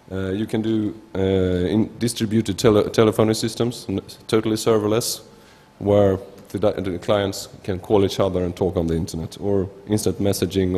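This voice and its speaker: A Swedish man with a low, darkish voice gives an informal technical talk as a conference researcher. He stands at a lectern in a large, reverberant indoor hall, speaking into a gooseneck microphone, and his Swedish accent is clear.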